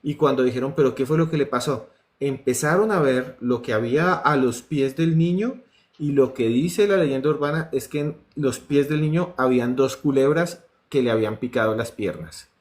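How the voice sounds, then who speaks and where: A man's voice: medium pitch, moderate pace. A man with a Colombian accent, a horror writer telling urban legends on a talk show and acting out the voices of the people in them. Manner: animated storyteller acting out voices and screams.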